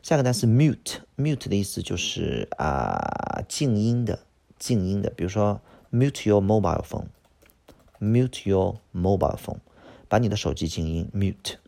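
Deep gravelly-voiced male vocabulary teacher. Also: very animated, dark tone. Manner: explains each word with quick example sentences, frequent "OK啊" and "啊" fillers. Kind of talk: recorded vocabulary lesson.

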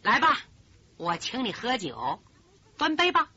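A woman's voice: a little high, wildly swooping pitch, unhurried, bright, forceful tone, breathy edge, heavily acted. A woman storyteller voicing a petulant, spoiled young male swordsman in a dull lo-fi recording. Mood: coaxing. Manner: petulant, swings from bluster to whining sobs. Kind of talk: traditional storytelling.

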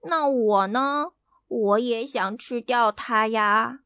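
A mischievous little storybook kitten coaxes and teases in a lifted, high voice, performed by a woman. The sound is close and dry, and the delivery is slow. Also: very animated, fairly bright tone, dry recording, heavily acted. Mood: playful coaxing. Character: playful young kitten, mischievous and greedy.

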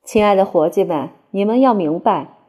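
A woman's voice: medium pitch, expressive, normal speed, mellow. A woman voicing a boastful male fencing master and former soldier, telling his story to a laughing crowd with a mocking, theatrical manner. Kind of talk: audiobook character voice.

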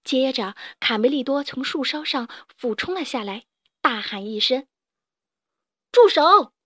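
A woman storyteller reading a children's story with lively, expressive narration. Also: high-pitched, moderate pace, no room sound, studio quality.

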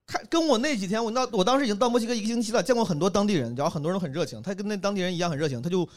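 Speaking rapid-fire in a high-pitched voice, a young man from Henan who does stand-up comedy spins a story in relaxed conversation. He's animated throughout and keeps laughing while he tells it.

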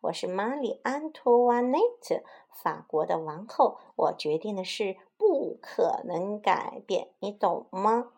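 A woman's voice: mid-range voice, lively intonation, a little slow, few pauses, a little mellow, breathy edge. A woman voicing a spoiled, imperious queen in a picture-book story, gushing and commanding.

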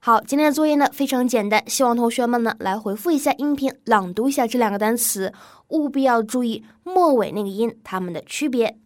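A woman's voice: fairly high pitch, fairly quick, no echo, studio quality. A woman teaching English pronunciation in an audio lesson, speaking to her students in a friendly, direct way.

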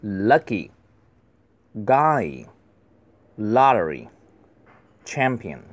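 A man's voice: lowish voice, very animated, no room sound, highs cut off. A man teaching a beginner English class, reading phrases aloud and explaining them in Mandarin with influence. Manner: reads drills slowly, then explains.

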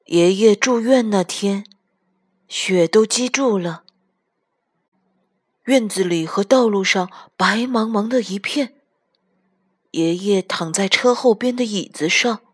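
A woman reading a children's picture book aloud in a soft, unhurried, gentle way. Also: medium pitch, slightly rough, dry recording, clean studio sound. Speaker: storyteller. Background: soft music.

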